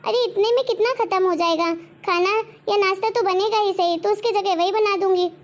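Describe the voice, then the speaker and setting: A woman playing a patient young daughter-in-law who gently pleads with her mother-in-law and protects her little sister in a homemade family drama. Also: extremely high pitch, fairly quick. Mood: pleading. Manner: soft, pleading, polite. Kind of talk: homemade web-drama acting.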